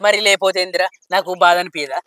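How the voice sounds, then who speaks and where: A man's voice: high voice, quick pace, sharp tone, no echo. A man, wailing and cursing in a village comedy lament.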